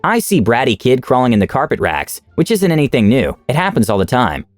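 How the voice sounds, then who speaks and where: Man narrating stories with animated pitch. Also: brisk, no echo, faint music behind. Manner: lively, expressive reading. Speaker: story narrator. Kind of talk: scripted narration of online stories.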